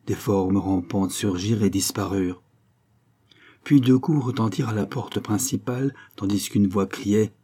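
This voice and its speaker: A man reading a short story aloud as an audiobook narrator, in steady, measured scripted narration. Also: on the low side, slightly rough. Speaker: audiobook reader.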